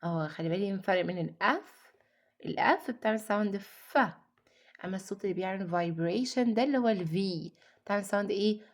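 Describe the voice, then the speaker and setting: A woman with an Egyptian Arabic accent teaching a children's phonics lesson. She repeats letter sounds slowly and drawn out, and mixes English words into her Arabic. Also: mid-range voice.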